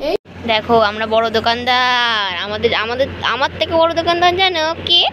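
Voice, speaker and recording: Young woman vlogger, chatty home talk, fairly high pitch, noisy backdrop. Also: a little fast, highs cut off. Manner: chatty, coos to her dog; hushed, speaking softly at night. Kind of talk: casual vlog chat.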